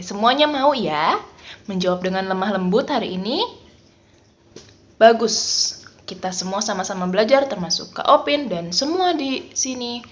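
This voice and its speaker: A woman teaching a children's Bible lesson in an animated, playful way, acting out little voices. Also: fairly high pitch. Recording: dull lo-fi recording.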